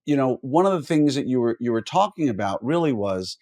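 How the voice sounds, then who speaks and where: A man's voice: mid-range voice, sing-song, fairly quick, dark tone. A man hosting a podcast interview who rambles, corrects himself and jokes as he sets up questions. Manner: rambling, self-correcting, jokey. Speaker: podcast host. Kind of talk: conversational interview.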